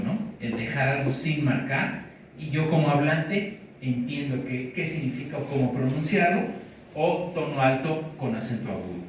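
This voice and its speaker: A man with a Mexican Spanish accent giving an academic lecture in a conversational way, often checking in with his audience. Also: medium pitch. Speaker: linguistics lecturer. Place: large lecture hall. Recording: echoey hall from far off, faint noise.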